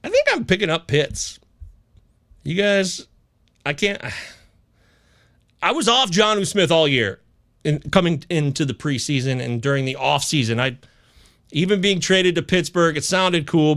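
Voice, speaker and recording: A man's voice: a little high, fairly bright tone. A man hosting a casual live sports advice chat, stoned, talking in a laid-back stoner drawl with stretched words and repeating himself for emphasis. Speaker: host of a fantasy football advice live chat. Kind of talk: casual live chat commentary, answering viewers' questions.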